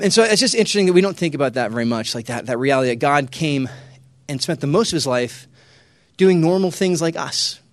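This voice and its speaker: A man with a high, bouncy voice that swoops up and down gives a youth talk, joking and teasing and often hushing the room. The sound is close and dry. He talks like someone working hard to keep a restless crowd of teens with him. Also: no room sound. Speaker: youth speaker. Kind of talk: lively talk to a young audience.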